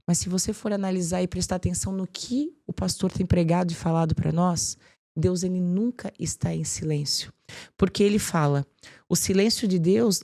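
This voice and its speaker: On a podcast, a female guest with a fairly low voice talks about her faith and her work in a lively, easygoing manner. She frequently fills her speech with "tipo assim."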